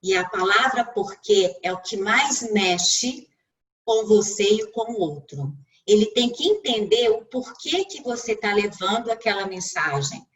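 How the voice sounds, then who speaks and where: A speech therapist and communication mentor with a Brazilian Portuguese accent gives a didactic talk on a video call, addressing her listeners directly. Her mid-range voice has lively intonation and a slightly slow pace, but she sits far from the mic and the audio is poor.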